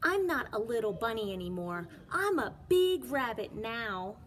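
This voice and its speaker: Storybook young male rabbit, played by a woman: pitched up, eager, childlike, stubbornly proud of being big. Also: unhurried, a little hiss or hum. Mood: proud, insistent. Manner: excitable, insistent, childlike.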